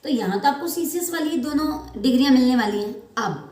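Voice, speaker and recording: A woman's voice: sits high, lively intonation, fairly quick, darkish tone. A woman teaching a chemistry class, explaining with everyday analogies and often checking whether the students follow. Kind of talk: classroom lecture. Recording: echoey room.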